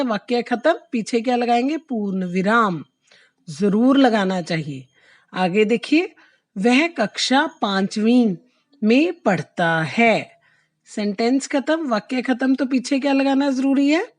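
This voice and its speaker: A woman teaching a Hindi lesson to children, explaining slowly and patiently and often checking that they follow. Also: fairly high pitch, darkish tone. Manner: patient, repeats "ठीक है?" checks; slows right down to read example sentences. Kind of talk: slow classroom explanation to children.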